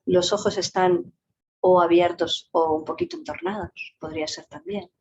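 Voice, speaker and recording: A woman, a psychologist and yoga teacher, explaining a topic in a talk with lively, varied intonation and playful vocal demonstrations. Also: on the low side, moderate pace, creaky, a little hiss or hum. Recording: dull lo-fi recording.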